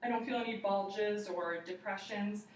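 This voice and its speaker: A young adult woman gives a procedural, student-style walkthrough of a clinical exam, narrating findings for a patient and observer at a moderate pace in a steady mid-range voice. The camera mic is across the living room, so the audio is roomy and distant with faint noise.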